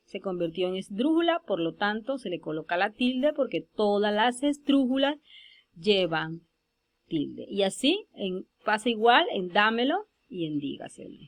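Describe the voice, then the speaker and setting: A woman explains grammar rules as a teacher. Her pitch sits in an ordinary middle range. She draws out key example words slowly and deliberately. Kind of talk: spoken grammar lesson over slides.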